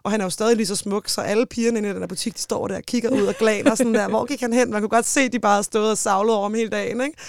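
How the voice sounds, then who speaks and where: A young woman telling a personal story in lively bursts as a podcast guest, full of fillers and quick asides. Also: mid-range voice. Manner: lively, talks in fast bursts with frequent fillers. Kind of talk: animated storytelling in conversation.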